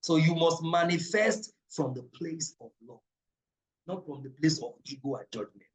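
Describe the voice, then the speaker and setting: Speaking at a normal speed in a fairly high voice, this African man leads a live online class on numerology and esoteric ideas. He takes questions and hammers home his points emphatically, repeating key phrases in a preacher-like way. The recording quality is low.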